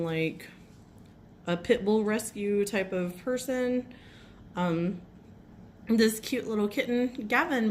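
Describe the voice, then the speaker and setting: Woman vlogger, slow and chatty, slightly rough from a cold, faint hiss behind her. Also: medium pitch. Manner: gushing, chatty, clears throat often. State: has a cold, voice a little rough. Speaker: nail vlogger. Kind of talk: casual unboxing chat. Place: home.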